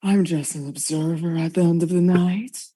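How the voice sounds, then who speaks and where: A woman voicing a sly, taunting female caller with a gravelly, raspy voice in a tabletop game. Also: lowish voice, steady tone, normal speed, warm tone.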